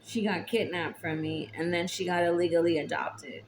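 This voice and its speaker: Young woman vlogger, tearful confessional, lowish gravelly voice, faint background noise. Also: fairly even intonation, low-quality recording. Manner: slow, halting, emotional, with long pauses. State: tearful, recently crying. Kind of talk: personal confessional talk to camera.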